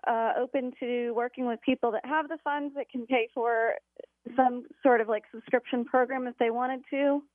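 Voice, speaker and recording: A high-pitched woman comes through a clipped, tinny phone line as a caller to a radio show. She asks her question politely and haltingly. The line is narrow and dry. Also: steady tone, no room sound.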